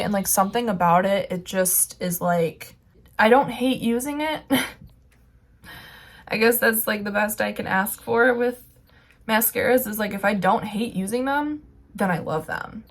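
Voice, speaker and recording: A young woman vlogger chatting casually about beauty products, rambling with lots of filler words. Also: mid-range voice.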